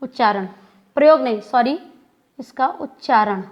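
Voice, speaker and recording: A woman gives a grammar lesson in a slow, careful lecture style. She repeats example words aloud to show how they are pronounced, pausing between phrases. Her voice sits high, and the recording is dull and lo-fi. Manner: slow, deliberate, repeats and demonstrates pronunciations. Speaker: Hindi grammar teacher.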